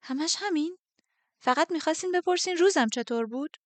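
A woman's voice: medium pitch, steady tone, mellow, no echo, lightly acted. A woman voicing a young woman soldier who sounds nervous and hesitant, her voice raised and strained. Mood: flustered.

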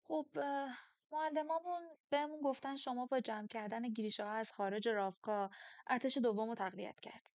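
A woman's voice: on the high side, fairly even intonation, darkish tone, no echo, voice pushed up, lightly acted. A woman reading an audiobook, voicing a blunt, curious young woman who asks questions directly. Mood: wary, questioning.

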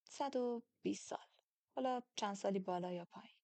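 A woman reading an audiobook, voicing an ancient, powerful man who looks young and speaks quietly and tersely. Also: steady tone, lightly acted. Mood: calm, explaining. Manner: quiet, low-key and terse. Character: centuries-old powerful man looking young, calm and guarded.

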